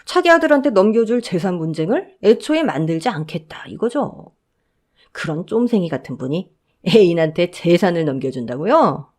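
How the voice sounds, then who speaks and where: A woman's voice: fairly low pitch, big pitch swings, moderate pace, a little mellow. A woman voicing a blunt male security guard who mocks and drawls. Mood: mocking.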